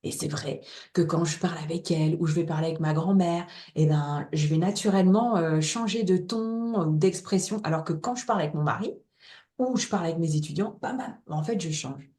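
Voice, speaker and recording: A woman's voice: lowish voice, brisk, dark tone, echoey room. A woman coach from northern France, chatting candidly as an interview guest and laughing easily. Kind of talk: casual interview chat.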